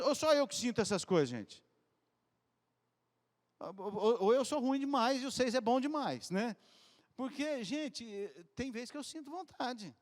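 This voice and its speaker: Man preaching, chatty storytelling sermon, from Brazil, high voice, big reverberant hall. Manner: conversational, animated storytelling preaching. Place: church hall.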